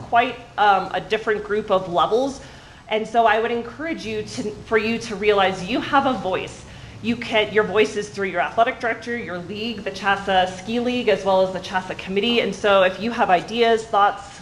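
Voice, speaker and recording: A woman's voice: medium pitch, a bit bright, slight background noise, rough recording. A woman giving an informative, friendly presentation to a room of coaches and athletic directors, recorded by a camera at the back of the room. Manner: friendly, informative, with frequent ums. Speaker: state athletic association staff presenter. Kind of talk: meeting presentation. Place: large meeting room with seated audience. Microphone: far camera at back of room.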